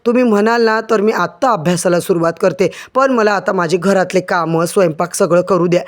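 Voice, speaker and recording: A man's voice: high-pitched, a little fast, close to an everyday voice. A man voicing an earnest, dutiful young woman in a retold serial story, who speaks respectfully.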